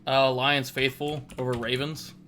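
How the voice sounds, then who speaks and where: A man's voice: medium pitch, level tone, unhurried, fairly bright tone, a little hiss or hum. An American man co-hosting a podcast, chatting about sports in a laid-back, colloquial way with casual swearing.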